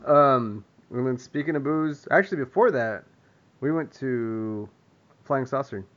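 A man co-hosting a podcast in casual chat, laid-back and quick to laugh and swear. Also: medium pitch, dull audio. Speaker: podcast co-host.

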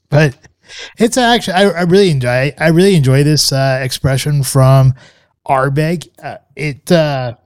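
Here a podcast co-host gives a relaxed, hesitant, rambling scotch review, riddled with fillers and restarts. His voice is a little high and unhurried. The recording is dry with clean studio sound.

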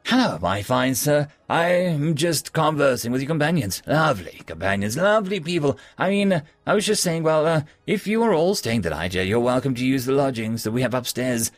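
A man's voice: mid-range voice, expressive, fairly quick, hardly any pauses, faint music behind, close to an everyday voice. A man voicing an obsequious woman innkeeper in a story, fawning and nervously stammering to please. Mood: fawning, flustered.

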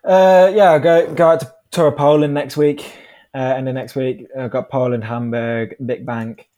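A man's voice: mid-range voice, fairly even intonation, normal speed, warm tone. A British man in his twenties chatting casually as an interview guest, informal and laid-back. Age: 20s. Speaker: podcast guest, professional cyclist. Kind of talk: casual chat.

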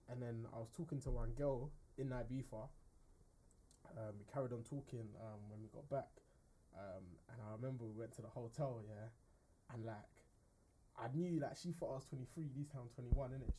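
A man's voice: mid-range voice, fairly even intonation, moderate pace, mellow. A man, chatting as a podcast co-host and telling a story full of slang. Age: 20s. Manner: storytelling, slangy, keeps asking "do you understand". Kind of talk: casual chat. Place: studio.

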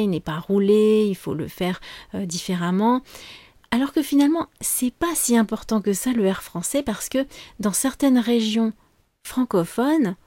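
A woman teaching her language on a podcast, explaining calmly with frequent fillers and pauses. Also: mid-range voice, dry recording. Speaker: French teacher and podcast host. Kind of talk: podcast lesson monologue.

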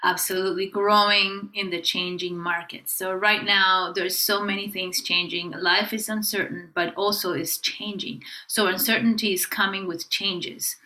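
A woman co-hosting a podcast in casual chat, enthusiastic and upbeat, listing topics in quick runs. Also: mid-range voice, steady tone, bright, forceful tone, rough recording. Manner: enthusiastic, upbeat, talks in rapid lists. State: clearing her throat, voice catching. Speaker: podcast co-host.

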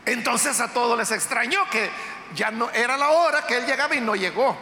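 A man with a very high, sharp, bright voice preaches a sermon in a church, retelling a story in a conversational, unhurried way. The sound is roomy, with long reverb from the hall and a faint hum of ambience behind him. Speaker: pastor. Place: church sanctuary.

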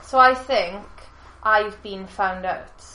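A woman co-hosting a casual podcast chat, talkative and quick to laugh. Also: mid-range voice, sharp tone. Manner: chatty, laughs often. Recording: echoey room.

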